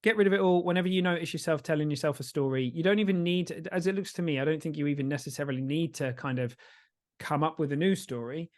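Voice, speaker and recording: A man's voice: on the high side, fast talker. A man co-hosting a sober-living podcast, chatting casually and rambling a little as he coaches. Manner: rambling, self-interrupting. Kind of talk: casual chat.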